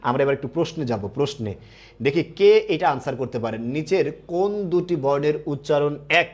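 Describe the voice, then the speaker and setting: A young man teaches a live online admission class. His voice sits a little high for a man. He explains things step by step and keeps asking whether the students have understood. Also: brisk.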